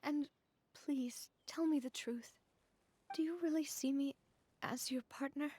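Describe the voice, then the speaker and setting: An actress playing a tired, vulnerable young woman in a video game, speaking softly and earnestly. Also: sits high, steady tone, no room sound. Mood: tender. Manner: soft, earnest, slow. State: worn out.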